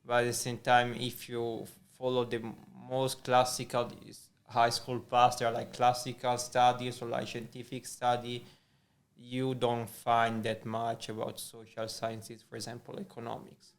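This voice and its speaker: A man's voice: mid-range voice, monotone, measured pace. An Italian man with an Italian accent, a podcast guest talking hesitantly with many fillers and restarts. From Italy. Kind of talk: casual interview chat.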